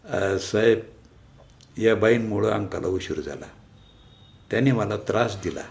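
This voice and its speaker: A man's voice: lowish voice, unhurried, gravelly, a little mellow. A man voicing a timid male office boss who complains in an aggrieved, whining tone, read aloud in a story. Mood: complaining.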